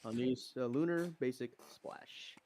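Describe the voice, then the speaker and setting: A man playing a tabletop game in casual chat, thinking out loud and second-guessing himself. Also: mid-range voice, a little slow. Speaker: player in an online tabletop battle.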